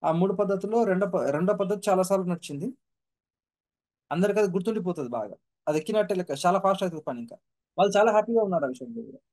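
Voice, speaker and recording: Fast-talking high-voiced man. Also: animated, a little mellow. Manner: humble and earnest, repeats points for emphasis. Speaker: devotee sharing his experiences. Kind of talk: devotional testimony.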